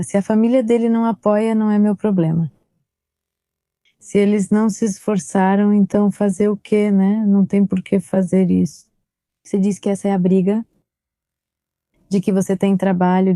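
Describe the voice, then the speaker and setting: A middle-aged woman tells her story as a mother, reliving old conversations by quoting what was said. Her voice is deep in tone and very dark, and it sits dry and close with no room around it. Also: little pitch movement, normal speed, dry recording. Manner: recounts events quoting past dialogue. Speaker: mother of a victim. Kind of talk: personal testimony.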